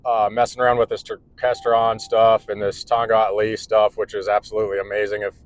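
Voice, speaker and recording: Speaking a little fast in a level tone, this forties-aged electrical contractor has a voice on the low side. He rambles earnestly to the camera from his home in a casual vlog, restarting often. The recording sounds rough.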